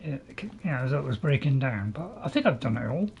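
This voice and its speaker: A man's voice: medium pitch, very animated, fast talker, breathy edge, highs cut off. A man giving casual gameplay commentary in a hesitant, chatty, repetitive way. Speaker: game streamer.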